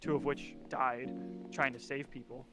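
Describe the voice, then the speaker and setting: A man's voice: medium pitch, flat delivery, normal speed, music in the background. A young man co-hosting a stream, rambling in casual chat with lots of fillers and restarts, his voice cracking now and then. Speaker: stream co-host.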